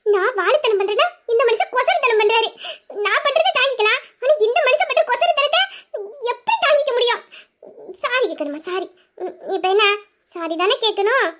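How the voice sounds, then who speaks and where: A woman's voice: very high voice, animated, a little fast, a little hiss or hum. A woman playing a mischievous young wife. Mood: teasing. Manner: chatty and boastful, dropping to a hushed scheming tone. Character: playful, mischievous young wife named Ruby. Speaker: heroine of an audio drama. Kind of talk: Tamil audio drama acting.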